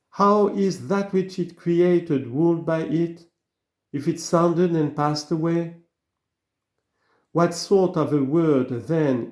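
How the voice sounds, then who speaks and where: A man giving a slow, earnest reading of an old sermon, full of rhetorical questions. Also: on the high side, darkish tone, reverberant. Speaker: reader of sermons.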